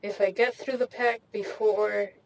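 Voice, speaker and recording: A young woman chats to her audience from the driver's seat of a small parked car, speaking close into a microphone. She rambles in a slangy, self-mocking way and takes her time, drawing her words out at an unhurried pace. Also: medium pitch, steady tone, dry recording, rough recording. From Mexican heritage. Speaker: vlogger. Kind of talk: casual chat. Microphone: handheld USB microphone.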